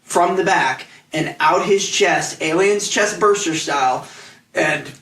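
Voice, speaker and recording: A man narrating a tabletop game as game master, describing scenes in halting, rambling phrases with many restarts. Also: a little high, pushed and bright, far from the mic, a little hiss or hum. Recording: echoey room, off mic.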